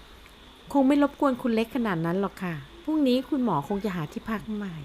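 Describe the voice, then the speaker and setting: A woman voicing a sweet, bright young woman who speaks politely in an audio novel. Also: fairly high pitch, lively intonation, fairly quick, a little hiss or hum, lightly acted.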